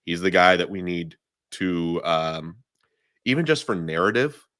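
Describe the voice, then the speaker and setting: A man's voice: deep voice, expressive, a little slow, a bit bright, no echo, studio quality. A man giving emphatic, opinionated takes as a guest in a casual podcast chat, often restarting his sentences. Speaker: guest analyst.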